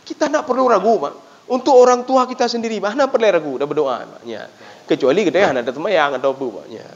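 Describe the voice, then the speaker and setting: Acehnese male preacher, animated storyteller, high expressive voice, muffled lo-fi recording. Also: quick pace. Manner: lively, animated storytelling, often addressing listeners as "Pak". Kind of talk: sermon. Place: prayer room. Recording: dull lo-fi sound.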